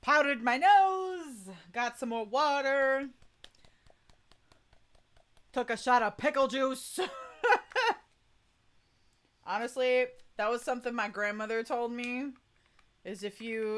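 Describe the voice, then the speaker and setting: A woman streamer chatting casually and informally with her viewers during a livestream. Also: a little high. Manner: chatty, informal, folksy "y'all". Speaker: VTuber streamer, voice coach.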